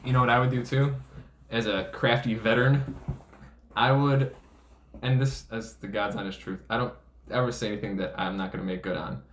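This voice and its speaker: With a slightly bright, mid-range voice and fairly even intonation, this man talks a little fast as a seasoned cop explaining a DUI arrest video. His commentary is casual, blunt and full of profanity, and the room echoes with faint noise behind him.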